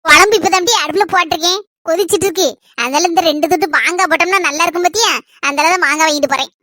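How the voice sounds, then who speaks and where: A woman plays a fretful cartoon village mother with a Kanyakumari Tamil accent, her voice very high and piercing. She rattles off gossip and complaints at a fast clip, dry and close to the mic. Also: sharp tone, dry recording. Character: scheming, fretful middle-aged village mother.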